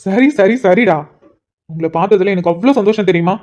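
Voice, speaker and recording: This woman plays a sentimental young man in a cartoon, tearful, pleading and fond as he reunites with an old friend. Her medium-pitched voice is brisk and darkish, only lightly acted, and the lo-fi audio comes across slightly muffled.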